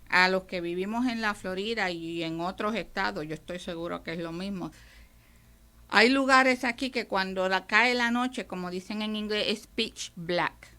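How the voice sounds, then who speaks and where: With a bright, forceful, clean tone at medium pitch, a woman pastor teaches emphatically over a radio devotional program. She is from Puerto Rico, speaks with a Puerto Rican Spanish accent, and calls her listeners "brother."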